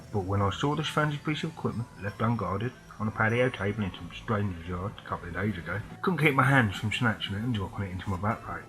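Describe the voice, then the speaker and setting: A man reading a horror story aloud in a measured, deliberate storytelling manner. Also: lowish voice, a bit bright, poor audio. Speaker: story narrator. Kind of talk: scripted horror story narration. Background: faint background music.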